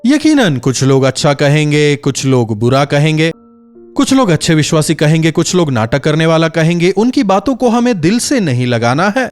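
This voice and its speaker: A man's voice: a little high, big pitch swings, moderate pace, faint music behind. A male pastor giving a daily devotional sermon, preaching expressively and putting rhetorical questions to his listeners.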